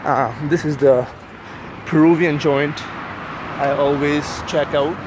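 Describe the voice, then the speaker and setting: A young vlogger whose first language is Urdu films himself with a handheld camera while walking a city street, traffic noise behind him. His fairly high voice is evenly pitched and slow, and he rambles casually with lots of fillers.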